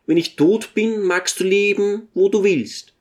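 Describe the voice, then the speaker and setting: Casting: meek, bashful little dwarf servant, high and soft, read by a male narrator. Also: unhurried. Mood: humble. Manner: timid, bashful, humble. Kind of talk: audiobook character voice.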